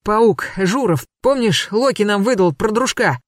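A reader voicing Makar, a desperate young man searching for a missing girl, who sounds hoarse and speaks with urgent pleading. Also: mid-range voice, lively intonation, measured pace, no echo, studio quality, voice pushed up, close to an everyday voice. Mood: hoarse, bitter. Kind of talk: audiobook character voice.

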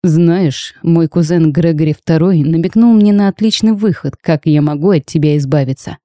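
A woman's voice: deep voice, moderate pace, dark tone, no echo, studio quality, lightly acted. A woman reading an audiobook, voicing a stern young male dragon groom who talks in curt, harsh commands. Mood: cold threatening.

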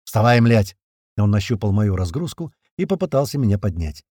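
A man's voice: on the low side, big pitch swings, a little fast, mellow, no room sound, clean studio sound. A man narrating a first-person action audiobook in a terse, punchy, slangy manner.

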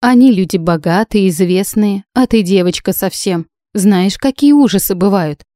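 A woman's voice: medium pitch, lively intonation, moderate pace, dark tone, dry recording, clean studio sound, lightly acted. A woman voicing a worried, fussy mother with a fretful, emphatic way of talking in an audiobook. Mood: suspicious.

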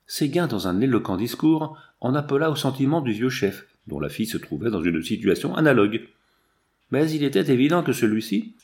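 A man reading an adventure novel aloud in a measured, dramatic storytelling manner. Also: lowish voice, a little mellow. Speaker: audiobook reader. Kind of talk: audiobook narration.

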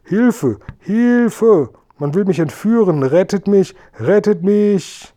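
A man voicing a chatty, indignant old grandmother, with a high, fluttering, raised voice. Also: expressive, normal speed, warm tone, slightly rough.

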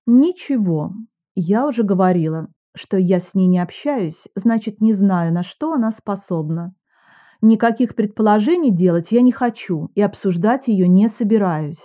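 A woman's voice: medium pitch, lively intonation, moderate pace, warm tone, close to an everyday voice. A woman voicing a curt, aloof woman in an audiobook, in a plain, lightly acted reading. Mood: cool, curt.

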